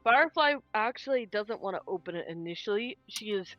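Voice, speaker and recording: A tabletop game player casually narrating a character's moves in the third person, with deliberate, hesitant phrasing. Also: medium pitch, expressive, no echo. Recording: dull audio, music underneath.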